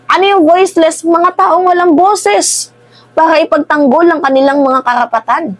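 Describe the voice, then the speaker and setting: A woman's voice: sits high, dry recording. Chatty woman commentator with a dry close sound. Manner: conversational, animated, keeps asking "di ba?" and addressing "guys". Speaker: political commentator. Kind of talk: casual political commentary.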